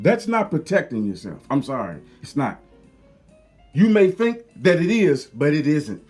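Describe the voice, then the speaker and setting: A man's voice: on the high side, a little mellow. A man ranting heatedly to his viewers, profane, preachy and repetitive. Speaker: video commentator. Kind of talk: angry rant to camera.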